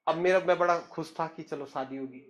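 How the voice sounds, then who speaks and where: A man's voice: a little high, a little fast. A man, telling a story in a chatty, humorous way and speaking straight to the listener. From Uttarakhand, India. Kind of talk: casual spoken storytelling.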